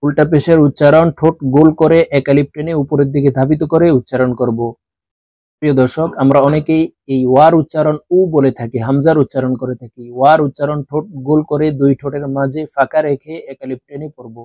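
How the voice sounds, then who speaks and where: Man drilling slow, drawn-out letter sounds. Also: fairly high pitch, steady tone, mellow, dry recording. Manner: chants letter sounds slowly, then explains quickly. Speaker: Quran reading teacher. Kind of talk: slow recitation drill with explanations.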